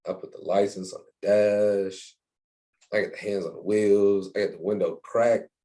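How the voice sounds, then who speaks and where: Low, dark-voiced young man, halting speech. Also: fairly even intonation. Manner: casual, halting, many restarts and fillers. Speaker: interviewee, university staff member. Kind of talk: casual interview talk.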